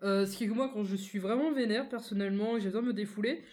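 Lively storytelling woman on a podcast. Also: medium pitch, quick pace. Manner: lively anecdote telling. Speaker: podcast co-host. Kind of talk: casual round-table chat.

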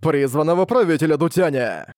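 A man reading an audiobook, voicing a menacing male demonic spirit that speaks inside a hero's head with scornful, booming threats. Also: animated, brisk, a little mellow, no echo, studio quality, close to an everyday voice. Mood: mocking.

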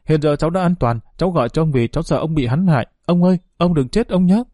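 Storybook part: a male narrator doing a sobbing, scared schoolgirl, voice raised higher, dry and close. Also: lively intonation, very fast, a little mellow, no echo, close to an everyday voice. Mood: tearful, frightened. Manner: pleading, sobbing. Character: frightened teenage schoolgirl, tearful.

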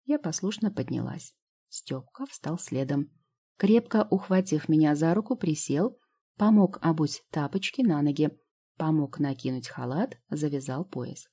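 A woman narrating a first-person novel in an even, steady storytelling manner. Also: deep voice, unhurried, slightly rough. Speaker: audiobook narrator.

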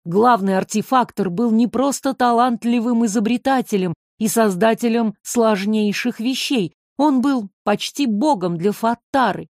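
A woman narrating a fantasy audiobook in an expressive, steady reading voice. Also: fairly high pitch, a little slow, hardly any pauses, no echo, studio quality.

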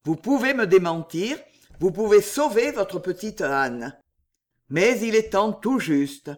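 A mysterious count, read by a narrator, speaks slowly and deliberately, his words ominous and measured. The delivery is lively in pitch despite the unhurried pace. An audiobook character. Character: mysterious count, calm prophet of doom. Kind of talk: audiobook reading.

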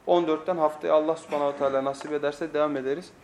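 A man's voice: fairly high pitch, steady tone, very fast, darkish tone, a little hiss or hum. A man preaching a weekly sermon lesson at a pulpit microphone, emphatic, repeating phrases and putting rhetorical questions to his listeners.

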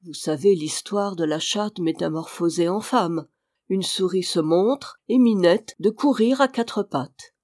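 A reader narrating a classic adventure novel in a measured, even storytelling voice. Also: mid-range voice, no echo. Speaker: audiobook reader. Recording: dry, close recording.

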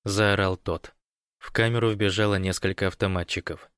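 A man narrating an audiobook in an even, measured reading. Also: sits low, clean tone, no echo, studio quality.

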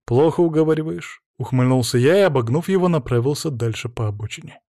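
Male first-person audiobook narrator, animated intonation, dry studio sound. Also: mid-range voice, quick pace, no echo. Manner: expressive, varied storytelling.

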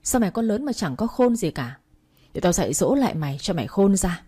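A woman's voice: mid-range voice, very animated, a little fast, dark tone, breathy edge. Woman voicing a cold, cruel young mistress. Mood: furious. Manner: cold, harsh scolding. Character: cruel young mistress, two-faced and scornful.

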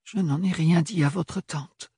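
A timid young woman, put on by a male narrator, speaks hesitantly and a little breathlessly, her voice lifted and husky. The sound is close and dry, as in an audiobook reading. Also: fairly high pitch, fairly even intonation, measured pace, mellow, dry recording, voice pushed up, heavily acted. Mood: pleading. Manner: hesitant, stammering.

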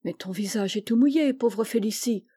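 A woman doing a gentle little girl. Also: on the high side, normal speed, slightly rough, no room sound, clean studio sound. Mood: concerned. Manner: soft, concerned. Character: gentle, kind little girl, younger sister.

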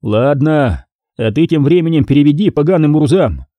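A man's voice: a little high, animated, normal speed, warm tone, no echo, lightly acted. A man doing a brash joking medieval captain. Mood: bantering.

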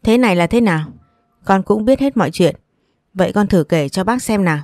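A woman's voice: medium pitch, expressive, fairly quick, a little mellow, no room sound, clean studio sound, close to an everyday voice. A woman voicing an angry older mother-in-law who scolds sharply. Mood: puzzled.

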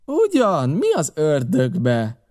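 A man's voice: on the high side, steady tone, a little mellow, clean tone, dry recording, clean studio sound, pitched above the performer's own voice, close to an everyday voice. A man reading an audiobook, voicing a wily, boisterous pirate ship's cook who hollers across the deck. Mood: hollering. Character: wily one-legged male pirate cook, loud and hearty. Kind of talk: audiobook character voice.

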